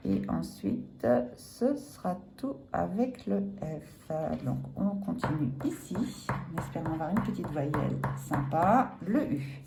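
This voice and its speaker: On a phone or camera filming her ticket, a lottery scratch card vlogger scratches away amid background noise. Her fairly low voice is very animated yet slow-paced, and she chats casually while laughing apologetically at herself.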